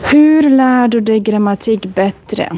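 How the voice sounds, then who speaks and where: A woman teaching a casual language lesson in a library, browsing books and speaking slowly and clearly for learners. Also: a little high, warm tone. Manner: slow, clear demonstrating speech for learners; chatty, recommends books while browsing. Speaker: Swedish teacher. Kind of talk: casual live lesson on a walk. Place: library, indoors.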